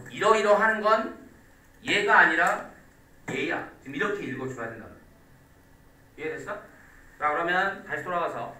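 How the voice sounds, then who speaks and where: A man teaching an exam-prep English class in a lively, questioning style, his voice high and bright with wide swings in pitch. He fires off rapid questions to his students. The sound is roomy and echoey, picked up from some distance away.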